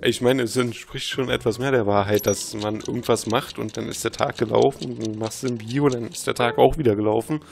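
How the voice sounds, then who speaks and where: A man doing casual gameplay commentary, reading game text aloud and breaking into exasperated, excitable outbursts. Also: mid-range voice, a little fast, creaky, few pauses, a little hiss or hum. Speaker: let's player.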